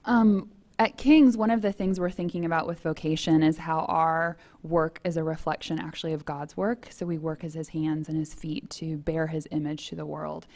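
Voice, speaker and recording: A woman's voice: low-pitched, fairly even intonation, normal speed, a little mellow. A woman running a college career office, moderating a panel in a chatty, self-deprecating way.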